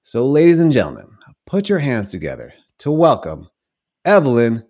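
A man's voice: medium pitch, huge pitch swings, normal speed, a little mellow. A man hosting an interview podcast, introducing his guest like a showman and then asking questions. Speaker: podcast host.

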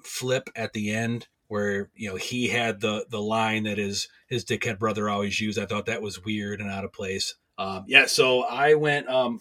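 A man co-hosting a podcast, giving informative recaps and reviews in a casual chat with deadpan jokes. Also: on the low side. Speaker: podcast co-host.

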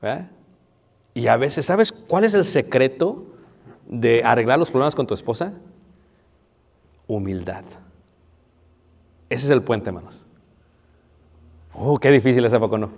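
A man's voice: medium pitch, lively intonation, unhurried, vocal fry, long pauses, a little mellow. Pastor guy giving a marriage sermon, playful, keeps asking the crowd stuff, big hall echo. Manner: conversational, asks the audience questions, playful. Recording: long reverb of a hall.

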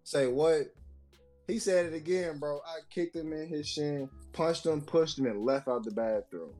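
A man's voice: fairly high pitch, measured pace, a little mellow, soft background music. A young adult man co-hosting a podcast, telling a story in a loose, slangy, profane way full of fillers. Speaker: podcast co-host. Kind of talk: casual storytelling chat.

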